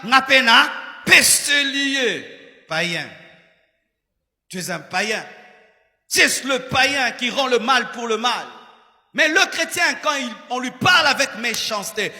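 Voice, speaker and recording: A pastor with a Congolese accent preaches an admonishing sermon to a crowd in a large, reverberant church hall, addressing listeners directly, acting out examples and repeating phrases for emphasis. His voice sits high and has a sharp tone.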